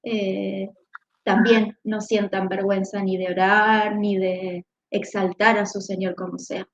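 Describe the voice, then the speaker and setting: A woman speaks reflectively in a casual book club discussion, her voice at an ordinary middle pitch. She pauses softly and hesitates as she gathers her thoughts. The audio is dull and lo-fi, like a video call. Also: level tone. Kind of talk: casual chat.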